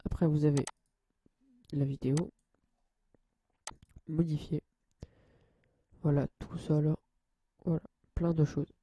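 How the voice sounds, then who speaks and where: Young man, tutorial host, hesitant, lots of fillers, monotone, dark husky voice. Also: on the high side, takes it slowly, long pauses, dull audio, a little hiss or hum. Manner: hesitant, many fillers and restarts; addresses viewers as guys. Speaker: channel host. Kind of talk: casual screen-recorded software tutorial.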